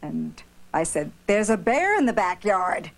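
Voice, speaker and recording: A woman's voice: medium pitch, sing-song, unhurried. A woman eyewitness telling her story conversationally in a TV interview.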